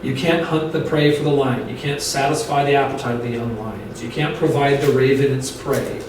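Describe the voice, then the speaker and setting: Pastor teaching a class in an echoey room. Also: male voice, mid-range voice, fairly even intonation, normal speed. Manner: explanatory, restarts sentences, checks in with the class. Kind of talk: conversational Bible teaching. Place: church classroom. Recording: distant mic in a very echoey room, faint noise.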